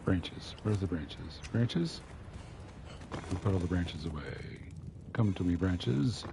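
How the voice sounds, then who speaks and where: Gamer guy, very low gravelly voice, wry muttered play-by-play, faint hiss behind. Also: lively intonation, slow pace. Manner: muttering to himself, wry asides. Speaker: game streamer. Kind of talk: casual gameplay commentary.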